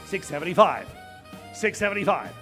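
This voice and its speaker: High-pitched male auctioneer in full chant. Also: fairly even intonation, brisk, pushed and bright, soft background music. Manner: auctioneer's chant, repeating numbers and filler phrases. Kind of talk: live auction calling, rapid repetitive bid chant.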